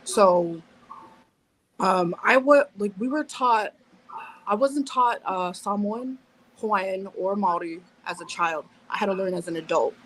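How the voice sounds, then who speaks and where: A woman in her thirties, a guest on a live panel, talks in an unhurried, mid-range, slightly bright voice. She is blunt and profane, interrupting herself, restarting and over-explaining during the casual discussion, and the audio quality is poor.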